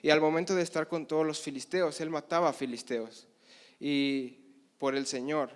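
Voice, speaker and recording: Speaking at normal speed in a slightly high, smooth voice with a steady tone, a young man gives a sermon at a conference. His storytelling is impassioned, and he acts out the Bible dialogue in the conference hall.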